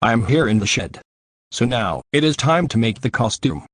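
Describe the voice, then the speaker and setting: A man's voice: mid-range voice, big pitch swings, moderate pace, no echo. Man voicing a scheming cartoon car troublemaker, dry sound. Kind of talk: scripted cartoon monologue.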